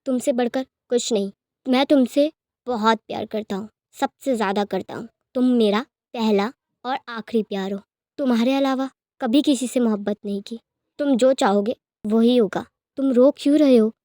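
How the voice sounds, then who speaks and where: A woman voicing a fierce, protective young man in love who pleads earnestly and forcefully. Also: a little high, normal speed, dry recording, clean studio sound, close to an everyday voice. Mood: tender.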